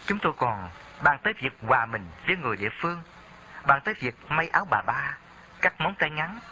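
A man's voice: medium pitch, bright, forceful tone, muffled recording, a little hiss or hum. A man narrating a memoir in a reflective reading style.

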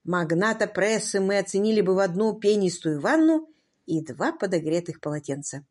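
A woman narrating an audiobook in an expressive, wry manner. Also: medium pitch, moderate pace.

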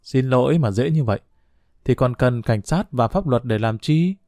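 A man's voice: medium pitch, expressive, normal speed, mellow, no room sound, clean studio sound, natural voice. A man voicing a playful, bossy schoolgirl who teases in a mock-stern way.

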